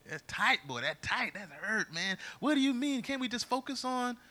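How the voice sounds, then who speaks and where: A man voicing an indignant grown man who protests in a high, exclaiming voice. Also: big pitch swings, moderate pace, sharp tone, exaggerated voice.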